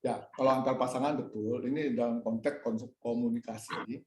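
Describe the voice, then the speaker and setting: A man talks to a church fellowship in a relaxed, preaching way. He tells a personal story and acts out each line of the dialogue himself. His voice carries some room echo. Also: mid-range voice, normal speed. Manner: addresses listeners as "Saudara". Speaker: speaker at a church fellowship meeting. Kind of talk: casual sermon-like talk answering questions.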